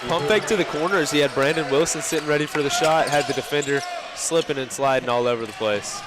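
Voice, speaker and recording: A man's voice: fairly high pitch, quick pace. A young man giving casual basketball color commentary, with chatty analysis full of filler words. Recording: noisy gym ambience. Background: gym crowd and bouncing basketballs.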